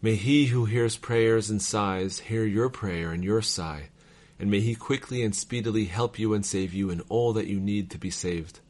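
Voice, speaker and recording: A man reading old letters aloud in a measured, formal cadence, as a reader of devotional texts. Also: fairly low pitch, darkish tone.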